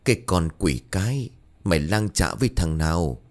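A man's voice: low voice, sing-song, moderate pace. A man voicing a harsh middle-aged village stepmother who shrieks insults and wails. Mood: scolding.

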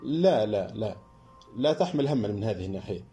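A man's voice: lowish voice, animated, brisk, dark tone, faint music behind. A man voicing an earnest middle-aged man who eagerly reassures his friends in an audiobook reading. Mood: eager, reassuring.

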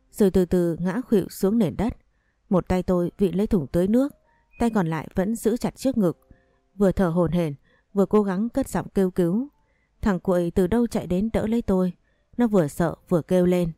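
A woman reads a first-person story aloud at a steady, even pace. Her voice sits a little low and sounds warm and soft rather than bright. The recording is close and dry, with no room sound around her. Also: no room sound. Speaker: narrator.

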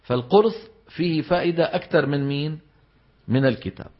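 A man's voice: fairly high pitch, brisk. A man with a Levantine Arabic accent teaching Quran recitation in a classroom lecture, putting questions to the class and answering them himself and stressing the exact vowels of terms. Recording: dull lo-fi lecture recording.

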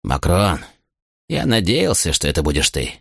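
A cowardly traitor pleads and wheedles in a nervous, pitch-swinging voice, put on by a man narrating. The storybook reading sounds close and dry. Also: wildly swooping pitch, normal speed, vocal fry, slightly rough, no room sound, exaggerated voice. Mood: wheedling.

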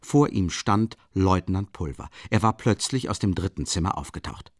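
A man narrating an audiobook in a measured, expressive reading, recorded close in a studio. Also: sits low, no echo. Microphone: close studio microphone.

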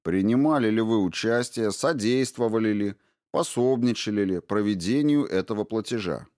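A man's voice: lowish voice, moderate pace, a little mellow, no echo, clean studio sound, close to an everyday voice. A man voicing a sly male investigator who asks probing questions in an innocent tone.

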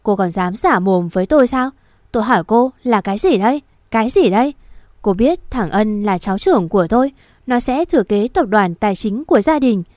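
A woman's voice: a little high, animated, moderate pace, no room sound, clean studio sound, close to an everyday voice. A woman reading a story aloud, voicing an angry wealthy grandmother who scolds and hurls insults. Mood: furious. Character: scornful wealthy old grandmother, furious and contemptuous.

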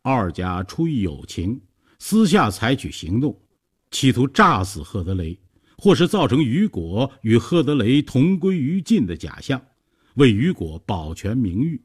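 A man narrates a story in a scripted, measured reading voice. His tone is slightly husky, and his pitch moves a lot, rising and falling through each sentence. He sounds like he is reading in a studio. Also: big pitch swings.

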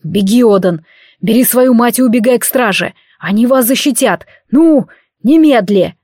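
A woman's voice: a little high, normal speed, no room sound, clean studio sound, lightly acted. A woman voicing a brave wounded soldier uncle. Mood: urgent. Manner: shouting, urgent.

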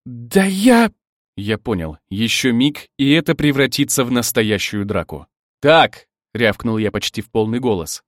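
A man narrating a story in first person, telling it expressively and lively. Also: on the low side, normal speed, few pauses, dry recording, studio quality. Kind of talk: audiobook narration.

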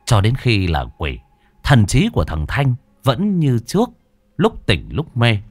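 A man narrating a horror story in a dramatic, drawn-out storytelling manner. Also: mid-range voice, huge pitch swings, no echo.

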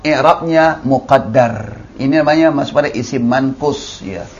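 Heard through lo-fi sound, a mid-range male voice at a moderate pace delivers a classroom Arabic grammar lesson with an Indonesian accent. He is patient in explaining, repeats key terms, and drawls the words he models.

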